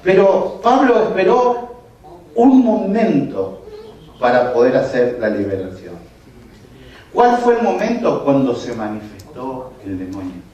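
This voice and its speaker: Male pastor preaching, slow and emphatic, lively rising and falling pitch, distant mic in a very echoey church. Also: muffled recording. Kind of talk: sermon. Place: church hall.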